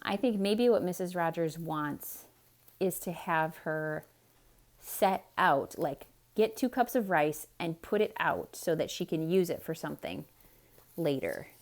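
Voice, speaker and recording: Her voice sitting low and her pace unhurried, a woman performs a children's story with theatrical expression. She speaks straight to the young audience, pausing to explain things in asides.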